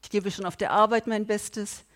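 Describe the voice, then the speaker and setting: Woman, middle-aged, preaching, impassioned, swings from loud to hushed, medium-pitched voice. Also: fairly even intonation, moderate pace. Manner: impassioned, swinging from loud appeals to quiet emphasis. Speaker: pastor. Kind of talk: sermon.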